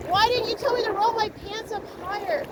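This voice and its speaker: A woman's voice: very high voice, a little fast. A woman vlogging outdoors on a beach, chatting casually and laughing often. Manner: excitable, laughs often, shrieks at cold water. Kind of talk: casual vlog chat. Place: outdoors on a windy winter beach. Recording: loud wind noise outdoors.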